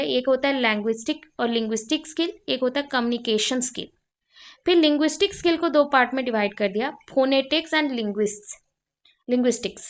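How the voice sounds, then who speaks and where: High-voiced woman explaining lesson points. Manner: mixes English terms into Hindi, lists items one by one. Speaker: teacher. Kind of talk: explaining lecture notes.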